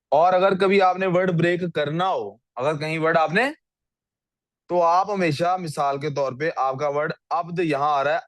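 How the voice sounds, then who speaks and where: With no audible room sound, a man with a fairly high voice teaches English over a video call. He goes through students' writing, frequently quizzes the class, and blends English words into his Urdu.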